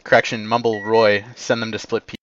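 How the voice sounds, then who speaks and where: Man, game commander, terse voice-chat orders, rapid delivery, dull lo-fi sound. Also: on the low side, level tone, a bit bright, no echo. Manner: clipped, issues quick orders and corrections. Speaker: force commander in an online war game.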